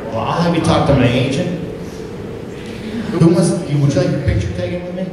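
A man's voice: on the high side, fairly quick. A middle-aged man working as a stage hypnotist, hosting a live show and talking with participants through a handheld microphone. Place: large indoor school hall with seated audience. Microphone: handheld microphone through speakers, recorded by far camera. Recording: echoey hall, distant mic, loud noise.

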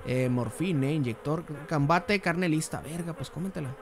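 A young man with a Mexican accent giving crude, slang-heavy commentary while playing a game, breaking into sudden shouts. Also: fairly high pitch, normal speed, noisy background. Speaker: gamer. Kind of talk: profane gameplay commentary.

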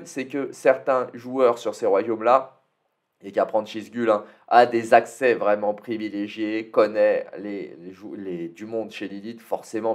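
A man giving casual commentary on a strategy game, talking it through with fillers and small asides. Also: lowish voice. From France. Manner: chatty, thinks aloud with fillers and tag "hein". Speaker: gaming YouTuber.

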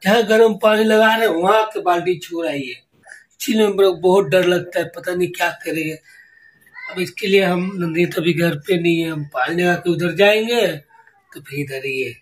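A man's voice: sits high, moderate pace, slight background noise. A man chatting casually to his viewers in a home vlog, recorded on a handheld phone at home. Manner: chatty, keeps addressing viewers as friends. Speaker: family vlogger.

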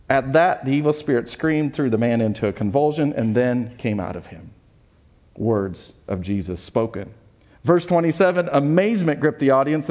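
A man's voice: a little high, a little mellow. A man preaching a sermon as pastor, reading scripture aloud with earnest, self-correcting asides.

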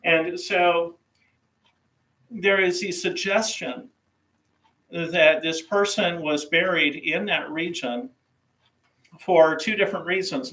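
A man's voice: a little high, sharp tone, low-quality recording. A middle-aged man giving a history lecture in a small classroom, explaining with fillers, recorded on a camera mic a few steps away. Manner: explanatory, uses fillers, gestures at whiteboard. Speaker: history teacher. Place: small classroom with whiteboard, indoors. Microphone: fixed camera mic at mid distance.

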